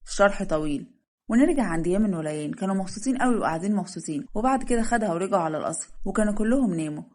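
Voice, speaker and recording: A woman with an Egyptian accent narrating a serialized romance story in a brisk, conversational way. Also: medium pitch, expressive, warm tone.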